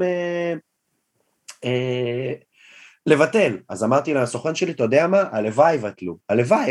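A young man tells a story in a casual, self-deprecating way, with a voice of middle pitch. He keeps the telling lively and moves easily from setup to punchline. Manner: animated, self-deprecating storyteller who acts out quotes. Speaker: guest comedian. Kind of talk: casual storytelling in a podcast interview.

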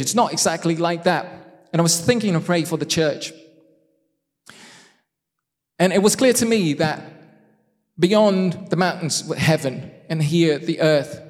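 A man preaching a sermon in a conversational way, with joking asides about himself, slowing down to stress key phrases. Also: a little high, darkish tone. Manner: conversational, self-deprecating asides; emphatic, slows for key phrases. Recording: long hall reverb.

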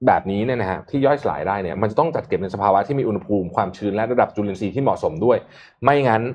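A man co-hosting a casual talk show, relaying business news and personal anecdotes in a quick, animated way. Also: on the low side. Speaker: co-host. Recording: slightly dull lo-fi sound.

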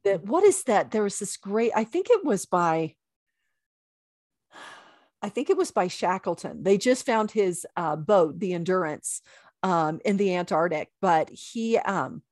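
A woman's voice: mid-range voice, animated, a little slow, darkish tone, no echo, studio quality. A woman talking casually as a guest in a conversational interview, with an emphatic, affirming way of speaking. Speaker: podcast guest.

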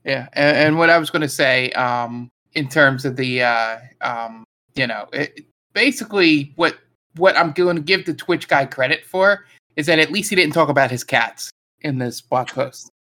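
A man's voice: on the high side, moderate pace, bright, forceful tone. A man co-hosting a podcast, talking casually and rambling as he restarts his sentences. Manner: rambling, full of fillers and restarts. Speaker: podcast co-host.

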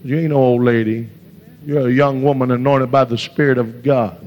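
A man's voice: mid-range voice, steady tone, normal speed, slight background noise. A male evangelist preaching a sermon with stories, impassioned and crying out hallelujah and glory to God. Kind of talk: sermon with storytelling. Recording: echoey hall, dull lo-fi sound.

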